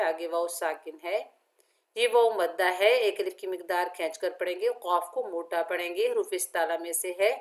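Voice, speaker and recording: In this Quran recitation lesson, a woman with a fairly low, slightly mellow voice spells out the letters one by one. She takes a tajweed approach, patiently going over syllables again and again for her student.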